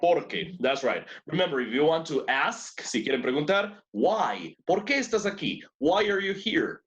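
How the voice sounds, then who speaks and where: A man's voice: a little high, big pitch swings, measured pace, fairly bright tone, highs cut off. A man teaching an English class in two languages, who repeats words and keeps praising his students. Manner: switches between two languages to explain.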